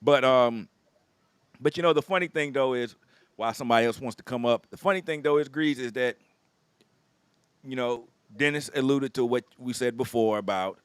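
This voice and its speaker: A man hosts a relaxed conversation in an easygoing, affirming manner. His voice sits at an average pitch. The sound is dry, with no room echo. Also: moderate pace, smooth. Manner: easygoing, affirming with frequent yeahs. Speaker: host. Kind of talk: casual chat.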